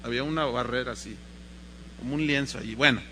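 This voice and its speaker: A man with a Mexican accent preaching a sermon, telling a story in a lively way and acting out the voices. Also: mid-range voice, fast talker, a little hiss or hum. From Mexico, Guadalajara. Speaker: pastor.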